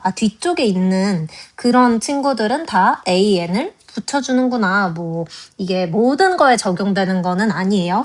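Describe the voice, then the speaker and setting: A woman teaching a grammar lesson, addressing her viewers directly and drawing out each example word. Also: mid-range voice. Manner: slow, drawn-out pronunciation of example words. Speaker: language teacher.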